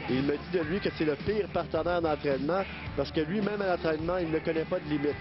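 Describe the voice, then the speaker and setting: Guy doing fight analysis, bit high voice, explaining with hesitations, music behind. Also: fast. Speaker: colour commentator and fight analyst. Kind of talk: live analytical fight commentary. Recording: dull broadcast sound, music behind.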